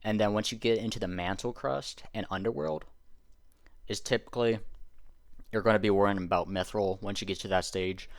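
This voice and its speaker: A man's voice: fairly low pitch, fairly even intonation, a little fast, no echo. A man giving a casual game tutorial, explaining step by step and correcting himself as he goes. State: hiccuping. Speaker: gaming YouTuber.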